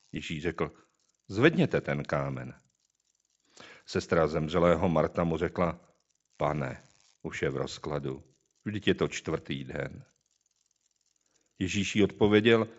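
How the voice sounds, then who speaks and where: A man's voice: extremely low pitch, long pauses, highs cut off. A man reading a scripture passage aloud and then preaching on it, drawing listeners in with rhetorical questions.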